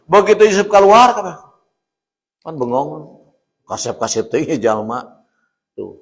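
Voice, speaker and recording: Sundanese-accented preacher in an echoey hall. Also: male voice, a little high, a little slow, vocal fry. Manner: lively storytelling with laughter and asides to the audience. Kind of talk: mosque sermon mixing Indonesian and Sundanese. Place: mosque hall.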